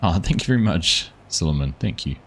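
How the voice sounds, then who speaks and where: A man with a New Zealand accent streams a farming game, chatting with viewers in a relaxed, rambling way. His husky voice sits low and moves fairly quickly.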